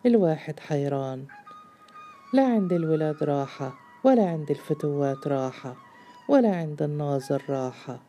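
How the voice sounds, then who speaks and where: Woman voicing a bitter old clan elder, sharp words, low mellow voice, faint music. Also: lively intonation, normal speed, dull audio.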